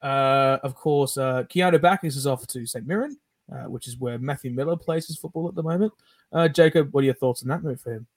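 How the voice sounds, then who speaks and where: A man's voice: medium pitch, fairly quick, dry recording. Man from South Africa, podcast host, upbeat, hesitant with fillers, dry close sound. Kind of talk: casual sports podcast chat.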